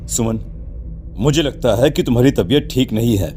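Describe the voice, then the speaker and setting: A man voicing Akhil, a calm young husband in a cartoon story, reassuring and a little dismissive. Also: mid-range voice, moderate pace, faint music behind, close to an everyday voice.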